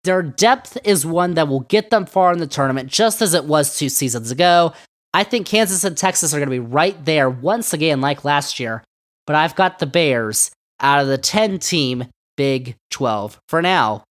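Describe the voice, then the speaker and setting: A man's voice: a little high, lively intonation, normal speed, fairly bright tone. A man hosting a solo sports podcast, talking sarcastically and throwing rhetorical questions at his listeners. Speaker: podcast host.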